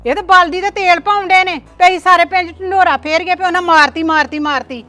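An actress playing a sharp-tongued mother-in-law, scolding and sarcastic. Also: very high-pitched, fairly even intonation, quick pace.

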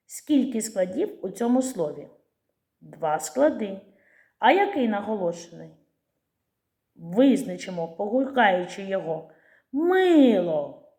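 Slow, lively-voiced woman teacher. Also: medium pitch, reverberant. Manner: slow, clear syllable-by-syllable teaching with stretched emphasized words. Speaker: primary school teacher. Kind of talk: recorded lesson for young children.

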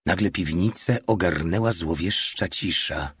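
A male narrator reads a war novel aloud in a steady, matter-of-fact way. His voice sits low and sounds husky. The recording is dry, with no room sound. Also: a little slow, dry recording. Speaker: audiobook narrator. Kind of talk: scripted audiobook narration.

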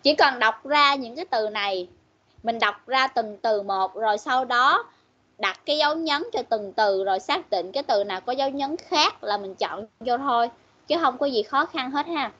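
A woman teaching an English class online, patiently coaxing pupils and repeating words slowly. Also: a little high, expressive, a bit bright. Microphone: video call. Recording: muffled online-call audio.

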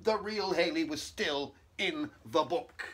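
A man reading a children's picture book aloud with animated, expressive narration. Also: fairly high pitch, takes it slowly, a little hiss or hum. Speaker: storybook reader.

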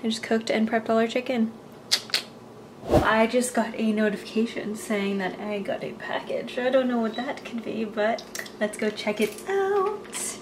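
A woman in her twenties chats casually to her vlog camera indoors at home, moving through the kitchen, bedroom and living room. She is informal, slangy and enthusiastic, speaking at a measured pace in a voice that is a little high. The audio quality is poor.

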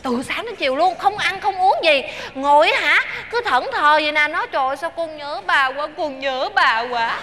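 An actress playing a pleading young country sweetheart with a Southern Vietnamese accent, coaxing and chatty. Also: female voice, high-pitched, expressive, moderate pace, hardly any pauses, bright, forceful tone.

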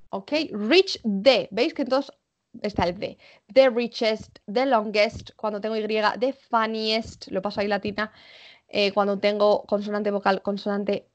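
A woman with a Spanish accent teaching an English exam-prep class online, checking in often with her students and slowing down to model English examples. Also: medium pitch, dull audio. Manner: switches between Spanish and English, frequent "vale?" check-ins.

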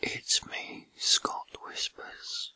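A man whispers a guided meditation in a soothing, gentle, breathy ASMR style, leaving unhurried pauses. There is no room sound.

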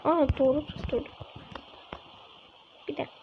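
A gaming channel host gives her viewers casual let's-play commentary, often whispering as she sneaks through the game. Her high voice has fairly even intonation and a moderate pace, captured on a lo-fi recording with clear background noise.

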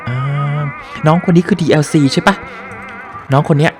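A fairly high-voiced man chatting through a horror game stream, exclaiming and joking as he plays. Faint game music sits underneath his voice. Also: normal speed. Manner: excitable, exclaiming and joking while playing. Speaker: gaming streamer. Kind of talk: casual let's-play commentary.

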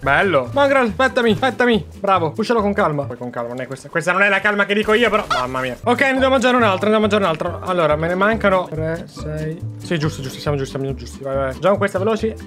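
Young Italian male streamer, bright high voice, chatty and excitable, over faint music. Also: fast, few pauses. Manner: animated, chatty, addresses viewers as "ragazzi". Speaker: gaming YouTuber. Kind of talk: excited gameplay commentary. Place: home gaming room.

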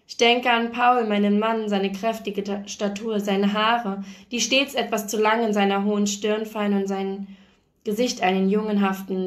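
Soft-spoken woman reading a novel. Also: medium pitch. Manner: calm, soft storytelling with hushed passages. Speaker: reader.

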